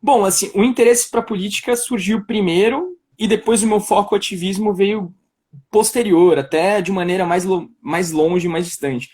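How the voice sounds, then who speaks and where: A young man from São Paulo, Brazil, speaking Paulistano Brazilian Portuguese, appears as a political pre-candidate guest on a live-stream interview over video call. His voice sits high, moderately paced, somewhat mellow and slightly rough. He chats casually, laughs a lot, and trails off before restarting.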